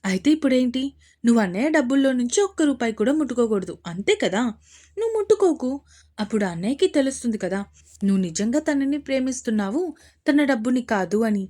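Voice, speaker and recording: A woman voicing a lively young sister-in-law who fusses, consoles and teases in a quick, bright way. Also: on the high side. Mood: consoling. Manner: bubbly, fussing, teasing.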